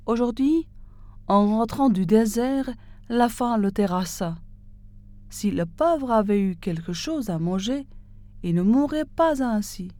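A miserly man who weeps over his dying dog, speaking in a plaintive, tearful way, as a woman narrator puts him on. His voice is mellow and slow, from an old storybook tale, and the recording is close and dry. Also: fairly high pitch, expressive, dry recording. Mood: sorrowful. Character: weeping, stingy man grieving his dog.

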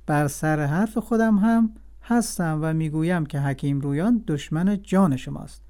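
Brief: scheming vizier, read by a man, sly and flattering, soft mellow tone. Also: a little high, lightly acted. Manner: smooth, cunning, flattering. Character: jealous scheming male vizier.

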